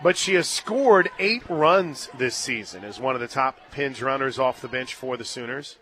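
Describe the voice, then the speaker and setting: Bright and forceful, this American man's mid-range voice carries lively intonation at a moderate pace as he calls live play-by-play for radio from a stadium booth. Ballpark crowd noise and faint music run underneath.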